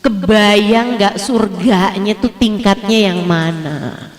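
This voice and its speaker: A woman preacher giving a lively sermon, telling stories and mimicking the voices of others. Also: mid-range voice, slow pace.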